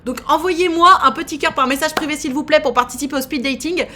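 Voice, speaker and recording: A woman's voice: sits high, fast talker, sharp tone, slight background noise. A woman in her thirties hosting a live stream, chatting casually in a teasing way with lots of fillers. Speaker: streamer host.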